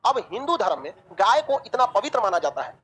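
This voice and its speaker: Fast-talking woman teaching history. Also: fairly high pitch, slightly rough, poor audio. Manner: asks the class questions and answers them herself; lively, joking, colloquial. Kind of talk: online class lecture.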